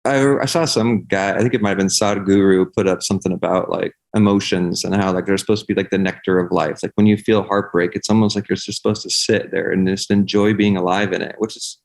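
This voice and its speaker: A man's voice: low-pitched, steady tone, quick pace, gravelly, hardly any pauses. A man talking candidly and casually as a podcast guest, in an earnest, rambling way peppered with swearing.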